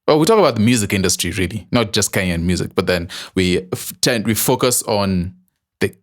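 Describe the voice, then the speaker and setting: A man's voice: lowish voice, expressive, brisk. A young man co-hosting a podcast, chatting casually and teasing his co-host, with frequent "um"s and restarts.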